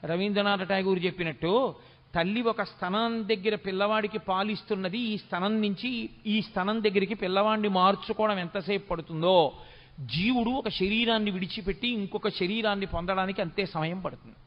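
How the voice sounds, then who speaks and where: A middle-aged man giving a spiritual discourse on scripture. He chants verses slowly and then fires off quick scolding rhetorical questions. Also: high-pitched. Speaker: religious discourse speaker. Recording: dull lo-fi recording with long hall reverb.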